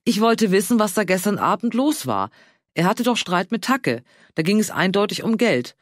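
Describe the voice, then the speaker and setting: A man voicing a fussy, anxious older man who pleads and frets in a high voice. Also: big pitch swings, moderate pace, no room sound, studio quality. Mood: eager.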